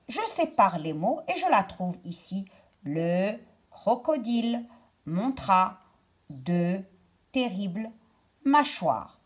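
A woman teacher giving a slow, carefully articulated grammar lesson to children. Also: high-pitched.

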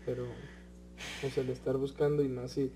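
A man's voice: medium pitch, little pitch movement, normal speed, warm tone, a little hiss or hum. A young man with a Mexican accent, a reality show contestant talking hesitantly with many fillers in casual chat. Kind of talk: casual chat among housemates.

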